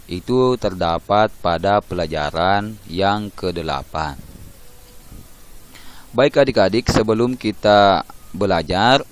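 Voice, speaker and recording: A man teaching young children a religion lesson, patiently explaining step by step and chanting verses in a drawn-out reciting tone. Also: low voice, animated, slight background noise.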